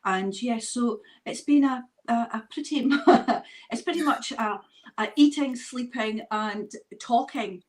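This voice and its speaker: A woman with a Highland Scottish accent chatting casually as an interview guest, in a jokey, self-deprecating way. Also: takes it slowly, a little mellow. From Scottish Highlands and east coast of Scotland. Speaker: guest, event organiser.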